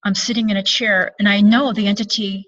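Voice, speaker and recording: A woman's voice: medium pitch, level tone, fairly quick, a bit bright. A woman recounting a spiritual experience in an earnest, meandering way, often correcting herself. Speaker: spiritual channeler and speaker. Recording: distant, dull lo-fi sound.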